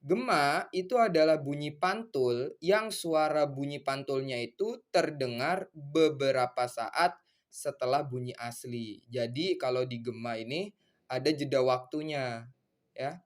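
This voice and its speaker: A young man tutors pupils through a school science question. He explains in a chatty, unhurried way, dragging out words as he goes. His voice sits at a medium pitch. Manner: chatty, drawn-out teacherly explaining. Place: tutoring center.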